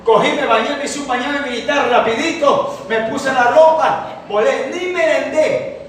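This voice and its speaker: A man preaches an emphatic sermon, weaving in his own testimony. His voice booms around a very echoey hall and reaches the mic from far off. A faint hiss sits under it. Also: moderate pace, a bit bright. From Ecuador. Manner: emphatic preaching, tells a personal testimony, repeats "a su nombre". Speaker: evangelist preacher.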